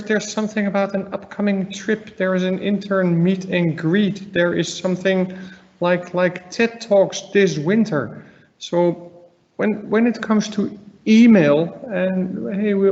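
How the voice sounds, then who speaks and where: A man's voice: sits high, darkish tone. A middle-aged man with a Dutch accent gives a conversational slide presentation as a trainer, emphatic and repeating words for stress. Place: living room at home. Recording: slightly dull webinar audio.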